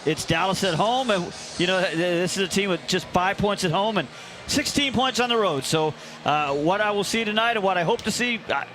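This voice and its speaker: A man giving color commentary on a soccer radio broadcast, talking in a folksy, unhurried way with plenty of hesitations. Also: high voice, a bit bright. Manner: folksy, unhurried, frequent "uh" fillers. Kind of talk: radio sports analysis. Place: stadium broadcast booth.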